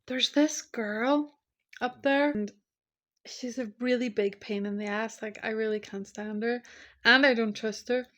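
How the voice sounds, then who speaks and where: A young woman with a slightly high voice talks straight to her viewers in a relaxed, candid vlog. She vents openly about her frustrations as she snacks between thoughts, recorded indoors at home. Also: unhurried. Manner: candid, venting, snacking while talking. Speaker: vlogger. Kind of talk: casual vlog chat.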